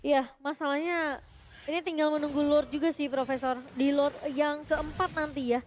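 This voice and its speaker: Very high-pitched Indonesian woman co-caster. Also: steady tone, moderate pace, a little hiss or hum. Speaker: esports co-caster. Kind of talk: live match analysis. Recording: loud music behind the voice. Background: music.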